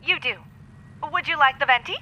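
A woman's voice: high voice, fairly quick, sharp tone. A woman playing a curt, impatient coffee barista, heard through a drive-thru speaker and speaking in a snippy, condescending way.

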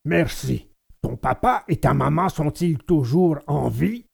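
A man voicing a gruff bearded male puppet master with a hollow, gravelly voice, barking orders though soft at heart. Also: on the high side, lively intonation, measured pace, full character voice. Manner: barks orders, then softens.

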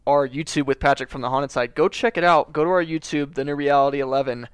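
A man's voice: medium pitch, fairly even intonation, quick pace, clean tone, no room sound. A man co-hosting a casual podcast chat, joking around and plugging events in a laid-back way. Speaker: podcast co-host.

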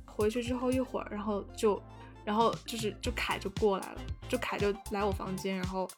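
Fast, animated young woman telling a story. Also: medium pitch, soft background music. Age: young adult. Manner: animated storytelling with many fillers and restarts. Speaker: podcast guest storyteller. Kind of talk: casual chat.

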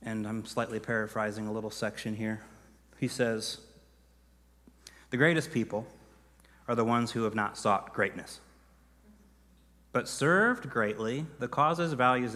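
A man preaching a sermon as pastor, earnest, building to emphatic peaks and then dropping quiet. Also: mid-range voice, in a large hall.

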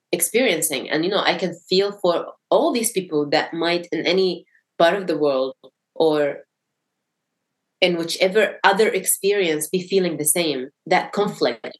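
A young woman from Syria, a podcast guest, talking reflectively and searching for words with frequent restarts. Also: fairly low pitch. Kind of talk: casual conversation.

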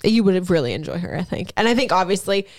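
A woman co-hosts a casual adult podcast, frank and quick to laugh. Her pitch swings widely as she talks. She sits close to a dry microphone. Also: very animated, no echo. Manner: laughs often, frank and bubbly. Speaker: podcast co-host. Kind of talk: casual explicit chat.

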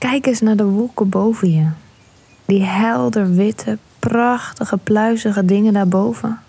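Leading a guided meditation at an unhurried, slow pace, a woman speaks in a steady, mellow, breathy mid-range voice that frequently falls to a soft whisper.

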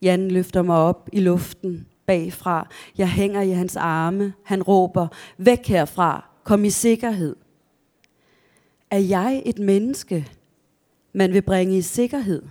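A woman reading aloud from her own prose in a measured, deliberate way after a short spoken introduction. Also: medium pitch, darkish tone.

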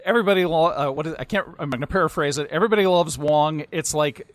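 A man's voice: on the high side, fast talker, no echo. A man chatting casually as a panelist on a talk show. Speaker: podcast panelist. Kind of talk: casual chat.

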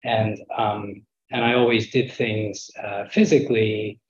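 A man giving reflective interview answers in a measured way, pausing mid-thought. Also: on the low side, fairly even intonation. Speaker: interview guest, architect. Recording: roomy, dull lo-fi internet call.

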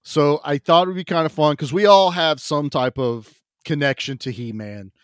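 A man's voice: a little high, normal speed, no room sound. Casual male podcast host, close and dry. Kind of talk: casual banter.

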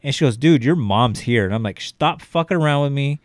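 A man's voice: mid-range voice, lively intonation, brisk, dry recording, studio quality. A young adult man, a podcast co-host, telling a rambling, profane story in casual chat, full of fillers like "you know" and "like".

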